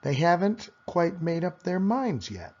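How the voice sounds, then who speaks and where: A man's voice: sits high, big pitch swings, a little slow, darkish tone. Man reading a storybook, slightly muffled recording. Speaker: storybook reader. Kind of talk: children's picture book read-aloud.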